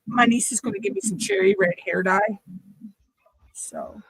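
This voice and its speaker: A woman's voice: a little high, very animated, normal speed, creaky, fairly bright tone, poor audio. A woman chatting casually as the host of a livestream. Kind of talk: casual chat.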